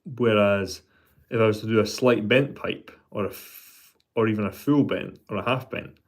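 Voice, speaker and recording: A man with a fairly low voice talks casually to his viewers as a hobbyist pipe maker. He speaks haltingly, thinking aloud and doubling back on words as he goes. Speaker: pipe maker hosting a vlog. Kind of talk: casual, rambling hobby vlog chat.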